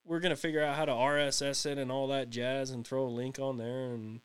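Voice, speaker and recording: Co-hosting a laid-back podcast, this late-thirties man rambles and laughs frequently as he chats. He has a smooth, mid-range voice, a flat delivery, and a brisk pace.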